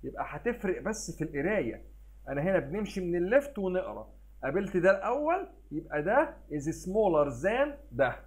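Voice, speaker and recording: A man with an Egyptian Arabic accent, teaching a recorded math lesson for children. He asks questions and answers them himself, mixes in English math terms and reads numbers out slowly. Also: high-pitched, big pitch swings.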